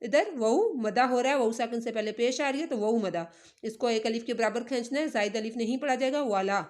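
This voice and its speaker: A woman teaching Quran recitation, spelling out syllables slowly one by one and then explaining the rules quickly. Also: a little high, a little mellow. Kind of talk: slow letter-by-letter tajweed lesson.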